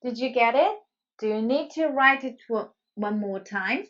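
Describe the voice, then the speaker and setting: A woman with as her leads a beginner lesson in English, her voice a touch high and her pace very unhurried. She talks clearly and keeps encouraging the learners. The recording sounds somewhat dull and lo-fi. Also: animated, fairly bright tone. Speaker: Chinese teacher. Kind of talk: scripted language lesson.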